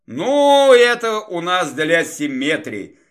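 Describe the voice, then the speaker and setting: Guy doing a brusque soldier, teasing and dry, lively swings in pitch. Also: slow pace, full character voice. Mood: wry. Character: wry, brusque male soldier leader.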